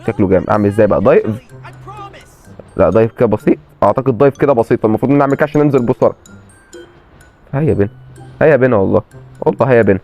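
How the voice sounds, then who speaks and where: A man with an Egyptian accent commentating his own gameplay and repeating excited exclamations. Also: mid-range voice, muffled recording. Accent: Egyptian Arabic. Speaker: gaming channel host.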